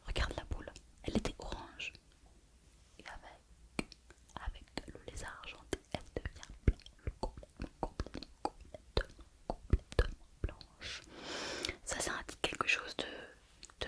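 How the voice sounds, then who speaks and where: A woman playing a mystical fortune teller in a whispered role-play, repeating her phrases as she reassures the listener. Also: natural voice. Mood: amazed, mysterious. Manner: slow, repetitive fortune-teller delivery, addressing the listener. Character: mystical female fortune teller reading horoscopes, mysterious and reassuring.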